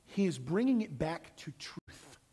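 Guy preaching a sermon, high voice, bouncy, really animated and emphatic. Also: unhurried, husky. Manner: animated, emphatic, acts out quotes; plays guitar. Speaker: pastor.

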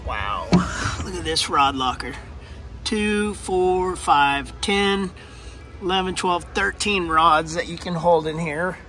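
A man casually filming a first-person walkthrough vlog in a large indoor boat showroom, talking in an excited, exclaiming, chatty way. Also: a little high, slow, over music. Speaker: fishing vlogger touring a boat.

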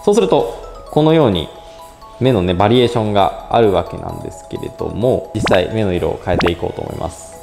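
Fairly low and creaky, his voice moves along fairly quickly and expressively. The young robot pet channel presenter chats as he takes a phone app one step at a time, politely talking through every move and thinking aloud, in an echoey room with faint music.

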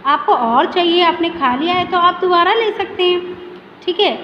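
A high-voiced woman teacher talks young pupils through a revision lesson. She poses questions and answers them herself. The audio is dull and lo-fi, with a long echo and faint hiss behind her. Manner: explains each point in Hindi, often asks the class questions and answers them herself. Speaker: school teacher. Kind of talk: recorded revision lesson for children. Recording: echoey room, dull lo-fi audio with faint noise.

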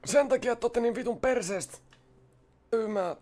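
A man playing a high-voiced, foul-mouthed crook. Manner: loud, profane, frantic, threatening. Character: brash swearing young male criminal. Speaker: roleplay streamer playing a criminal. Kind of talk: GTA roleplay, in-character shouting and swearing.

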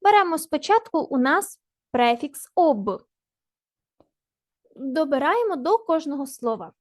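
A woman teacher giving a recorded grammar lesson to children, slowly and deliberately spelling out the parts of each word. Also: high-pitched, sing-song, no room sound, clean studio sound.

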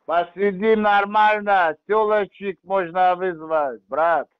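Guy with a high voice goofing around on a prank call, acting clueless, muffled phone sound. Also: steady tone, slow, clear, resonant tone. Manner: playful, stalling, mock-naive.

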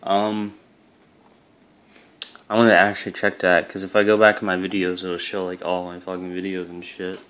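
A man's voice: deep voice, completely flat delivery, normal speed, long pauses, a bit bright, smooth. A young man hosting his own gaming channel, talking to camera in a casual, rambling, profanity-heavy and emotional way. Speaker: YouTube gaming channel host.

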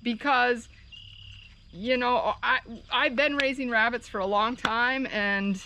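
A farmer in her thirties chats casually for her vlog in an outdoor farmyard, rambling and laughing easily. Her voice is on the high side, steady, slow and sharp-toned, caught by a camera mic a few steps away with a little hiss or hum.

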